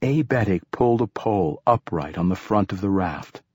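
A man narrating an audiobook in a steady, measured storytelling manner. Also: lowish voice, husky, dry recording, clean studio sound.

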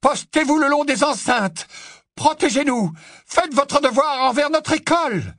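A man voicing a stern older female witch professor who gives clipped orders and shouts when roused. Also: on the high side, sing-song, normal speed, dry recording, studio quality, pitched above the performer's own voice. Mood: shouting.

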